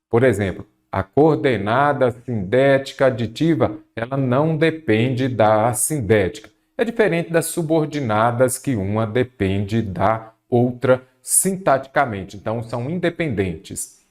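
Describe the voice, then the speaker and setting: Male Brazilian tutor, mid-pitched, for an exam-prep lesson; explanatory and full of rhetorical questions. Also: animated, moderate pace. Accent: Brazilian Portuguese. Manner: didactic, asks rhetorical questions and answers them. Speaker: Portuguese teacher.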